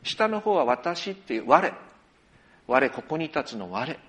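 A male pastor preaching a sermon, telling stories with sudden rises and drops in pitch and volume. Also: sing-song, a little slow, a bit bright.

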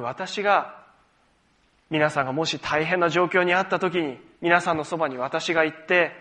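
A pastor preaching a sermon, explaining scripture step by step and leading the congregation in reading it aloud, with touches of gentle self-deprecating humor. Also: male voice, a little high.

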